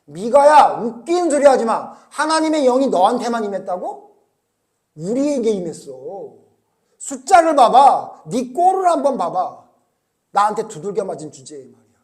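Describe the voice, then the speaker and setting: A man's voice: extremely high pitch, lively intonation, unhurried, darkish tone, pitched above the performer's own voice. A male pastor acting out an arrogant false prophet who taunts and mocks his rival. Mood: sneering. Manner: sneering, taunting.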